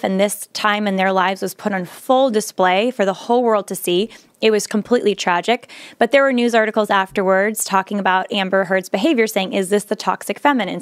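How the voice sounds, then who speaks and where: A woman's voice: mid-range voice, dry recording, studio quality. A woman speaking earnestly, now and then restarting with fillers. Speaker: speaker sharing her views. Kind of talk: earnest monologue.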